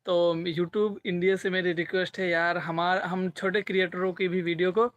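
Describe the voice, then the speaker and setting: A man's voice: high voice, flat delivery, moderate pace, fairly bright tone, no echo. A young man from the Sultanpur area chatting casually on a live stream to viewers outdoors by a lake, recorded on a phone without a separate mic, repeating himself and tacking "okay" onto his sentences. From Sultanpur region, Uttar Pradesh. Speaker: vlogger hosting a live stream. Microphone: phone mic, no separate microphone.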